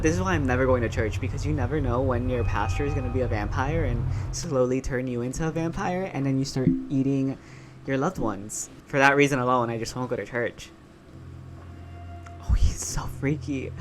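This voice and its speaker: A man with a sassy, slangy drag queen manner giving casual reaction commentary, with a show playing quietly behind him. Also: mid-range voice. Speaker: reaction video host. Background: show audio playing quietly.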